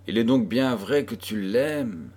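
A grieving mother weighed down by a dark secret, speaking gravely and with sorrow in a storybook reading, as a man voices her in his own low voice. Her words come slowly and heavily. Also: expressive, full character voice.

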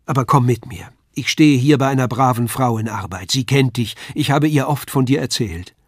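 A man's voice: medium pitch, normal speed, dry recording, studio quality, lightly acted. A man reading an audiobook, voicing an earnest, kind young journeyman who speaks with urgency. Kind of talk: audiobook character voice.

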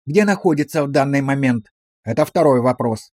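A man reading aloud plays a shrewd village policeman who questions people in a measured, drily ironic way. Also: medium pitch, lively intonation, darkish tone, no room sound, clean studio sound, close to an everyday voice. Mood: stern.

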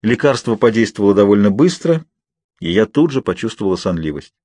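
A man narrating an audiobook in a calm, even storytelling voice. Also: on the low side, a little fast, breathy edge, no echo.

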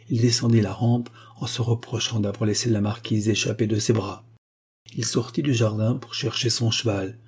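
A man narrating a classic novella in a steady, even reading. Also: mid-range voice, breathy edge.

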